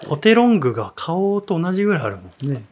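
A man hosting a casual radio chat from a small bar studio, talking in a playful, teasing way and keeping his voice soft. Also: fairly high pitch, sing-song, fast talker. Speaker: radio show host.

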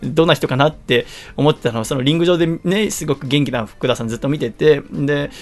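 A man's voice: fairly high pitch, quick pace. A man hosting a radio show, casually telling a long personal story, laughing often and acting out what others said. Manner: animated, laughs often while telling, acts out quoted lines.

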